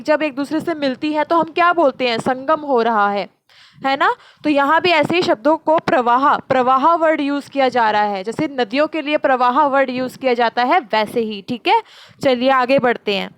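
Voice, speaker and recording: A woman teacher explains exam questions, repeating and asking and answering her own questions, and slows down sharply to give each answer. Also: high voice, a bit bright, no room sound. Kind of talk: exam-prep lecture.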